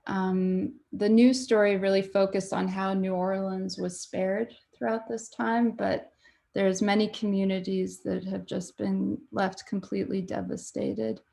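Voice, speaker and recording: A young woman from Canada, a documentary photographer, talking reflectively on a panel with frequent pauses and fillers. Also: mid-range voice, little pitch movement, gravelly, mellow. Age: young adult. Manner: reflective, hesitant with many fillers. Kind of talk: panel talk.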